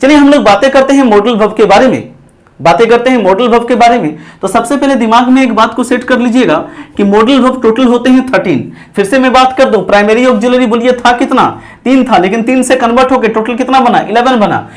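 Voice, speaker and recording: High-voiced man teaching at a board. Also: fairly quick. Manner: repetitive, quizzing students with call-and-response. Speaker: English teacher. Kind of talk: classroom lesson at a board. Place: classroom with a board.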